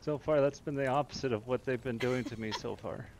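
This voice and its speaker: A man's voice: medium pitch, steady tone, a little fast, noisy background. A man chatting in character during a role-play game, hesitant and stammering.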